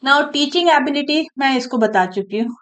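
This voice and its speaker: A woman's voice: high-pitched, animated, moderate pace, fairly bright tone, low-quality recording. A woman teaching in a conversational coaching-lecture style, often adding tag questions to check in with her students.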